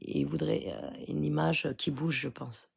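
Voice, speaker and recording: Speaking at a normal speed with fairly even intonation, this low-voiced woman from Morocco has a darkish tone, vocal fry, and a breathy edge. She's a spiritual healer on a casual phone live stream, giving earnest instruction and often pausing to ask her audience "d'accord?".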